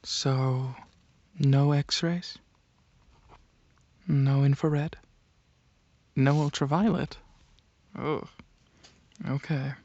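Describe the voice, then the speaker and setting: In a soft-spoken ASMR roleplay, a man plays a calm alien dragon examiner, his breathy medium-pitched voice slipping into whispers. He is hesitant and clinical, pausing as he asks questions. The recording is lo-fi with no room sound.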